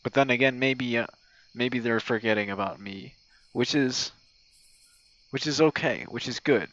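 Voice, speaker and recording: Against a night backdrop of crickets and insects, a content creator leaves a casual, ASMR-style voice message for a friend, rambling and hesitating informally. His mid-range voice is unhurried and fairly bright. The recording is dry, with the highs cut off.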